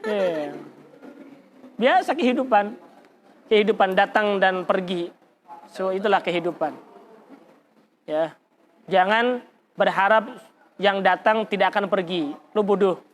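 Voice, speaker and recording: A man's voice: high voice, measured pace, pauses often, a little hiss or hum. A man giving a religious study lecture in a casual, teasing way, often laughing and asking rhetorical questions. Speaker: Islamic teacher.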